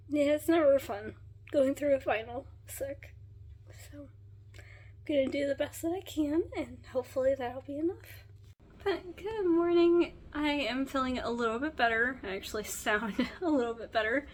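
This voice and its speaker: A woman's voice: fairly high pitch, poor audio. A woman in her twenties, a veterinary student, talks casually and candidly to the camera in a diary-style vlog, with frequent "um" and "like".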